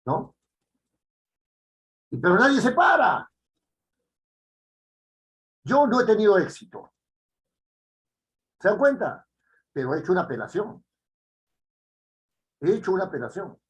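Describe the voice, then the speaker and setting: A man giving a classroom lecture, repeating key phrases and checking in with the students with quick tag questions. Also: sits high, very animated, rough recording. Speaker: teacher.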